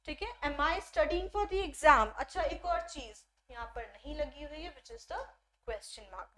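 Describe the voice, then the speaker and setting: High-voiced woman teaching grammar. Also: a bit bright. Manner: explanatory, asks and answers own questions, mixes Hindi with English. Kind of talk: classroom-style grammar lesson.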